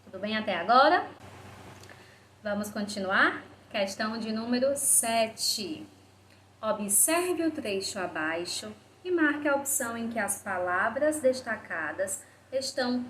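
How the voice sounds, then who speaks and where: A woman teacher with a slightly high voice explains each grammar step to children, slowly and patiently. She asks the pupils' questions herself and then answers them. The room is echoey, with a faint hiss behind her. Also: a bit bright. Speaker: primary school teacher. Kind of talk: remote class lesson.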